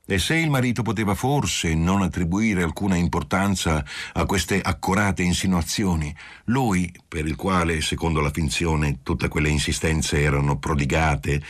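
A male audiobook narrator with a very low voice and a husky tone. He reads a literary novel in a steady, measured way. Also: no echo, studio quality.

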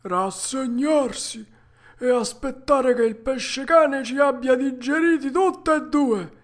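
A woman's voice: high voice, pitched above the performer's own voice. A woman voicing a resigned, philosophical old male tuna with a harsh, cracked voice, reading a storybook aloud. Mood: grim. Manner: slow, grave and sententious.

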